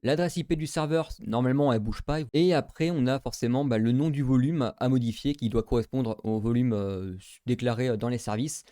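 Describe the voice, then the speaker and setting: A man's voice: medium pitch, a little fast, few pauses, dark tone, dry recording, studio quality. Casual man talking through a tutorial. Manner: casual, many fillers, thinks aloud. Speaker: tech tutorial host. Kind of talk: screen-recorded tutorial walkthrough.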